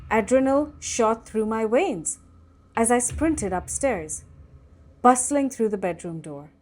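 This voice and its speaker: A woman host reading a scary story aloud in a slow, dramatic storytelling manner. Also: on the high side, lively intonation, a little mellow. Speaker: storytelling cooking channel host.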